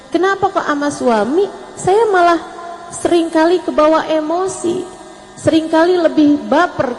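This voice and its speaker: A woman preacher delivers a sermon to a gathering in a slightly high voice, telling stories in a relaxed, humorous, everyday way. Her voice rings out with a long hall echo, and a faint electrical hum runs underneath. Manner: casual, humorous storytelling in colloquial speech. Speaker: preacher (ustazah).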